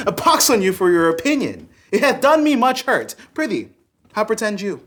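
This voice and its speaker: A young gentleman of Restoration comedy, played by an actor, domineering and very pleased with himself. The delivery is highly animated and arch, swinging widely in pitch over a middling register, with pompous period phrasing. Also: normal speed. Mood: teasing, put out. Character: scheming, domineering young gentleman suitor, mocking and self-satisfied.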